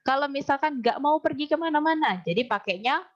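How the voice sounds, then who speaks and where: A woman teaching a lively language lesson in a fairly high voice. She explains each point patiently, then slows way down to drill phrases and keep quizzing the class. The recording sounds dull and lo-fi. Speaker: Mandarin teacher.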